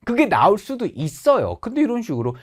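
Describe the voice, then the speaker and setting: A woman's voice: medium pitch, huge pitch swings, a little fast. A woman teaching a TOEIC English class in Korean with Korean-accented English phrases, acting out quoted dialogue in exaggerated tones. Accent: Korean, with English example phrases. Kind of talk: lively lecture.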